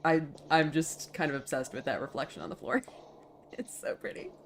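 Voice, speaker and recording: Low-voiced woman streaming games. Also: very animated, normal speed, a little hiss or hum. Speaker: game streamer. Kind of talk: casual stream chat.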